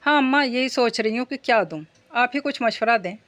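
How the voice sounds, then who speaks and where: Woman reading sensible young wife and mother, reasonable, soothing, slightly high voice. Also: lively intonation, brisk, a bit bright.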